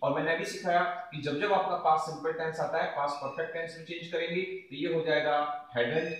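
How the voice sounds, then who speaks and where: A man's voice: on the high side, fairly even intonation, normal speed, fairly bright tone. A man teaching an exam revision lecture, explaining grammar answers step by step and addressing the students as friends. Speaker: English teacher. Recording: very echoey room, mic at a distance.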